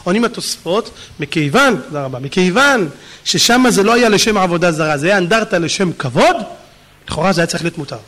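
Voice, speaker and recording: A man giving a storytelling sermon as a preacher, animated and acting out the characters with sudden shouts. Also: high voice. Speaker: rabbi preacher.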